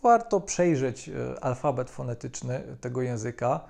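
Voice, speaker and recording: A man calmly explaining a language topic as a video lesson, with frequent hesitation fillers. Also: medium pitch, measured pace, vocal fry. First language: Polish. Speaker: language teacher.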